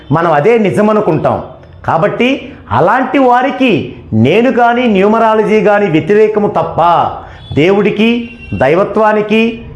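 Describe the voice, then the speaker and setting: A high-pitched man explains numerology with a lively, swooping delivery. He talks emphatically, posing questions and then answering them himself. His voice rings in an echoey room. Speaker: numerology teacher. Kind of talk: explanatory lecture.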